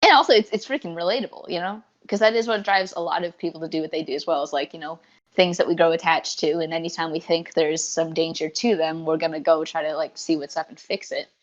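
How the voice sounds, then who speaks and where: A woman with a fairly low voice co-hosts a podcast, talking in an eager, rambling way and often restarting mid-sentence. Her voice comes through a dull, lo-fi recording. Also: fairly even intonation, quick pace. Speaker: podcast co-host. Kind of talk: casual podcast chat.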